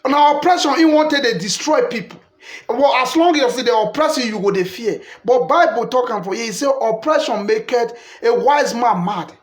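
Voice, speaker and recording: A Nigerian man with a high-pitched voice delivers a passionate political monologue. He preaches and repeats himself, weaving scripture into his points. The sound is echoey, as if recorded in a bare room. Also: animated, brisk. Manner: preachy, quotes scripture, repetitive.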